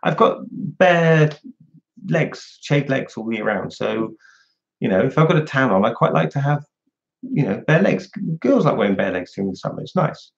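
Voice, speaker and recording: A man's voice: medium pitch, big pitch swings, moderate pace, gravelly. A man hosting a casual livestream, chatting frankly and answering viewer questions from home. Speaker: livestream host. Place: at home indoors. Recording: dull lo-fi home stream audio.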